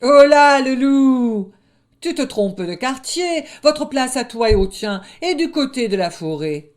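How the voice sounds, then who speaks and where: A woman's voice: high voice, expressive, unhurried, voice pushed up. A woman voicing a bold, cheeky young male lamb who speaks defiantly and mockingly, in a storybook reading.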